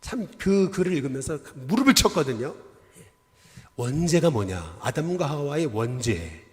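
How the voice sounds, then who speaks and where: Man preaching a sermon, fairly high voice, lively rising and falling pitch, long church-hall reverb. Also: normal speed. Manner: animated preaching, asks the congregation questions. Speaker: senior pastor. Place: church sanctuary.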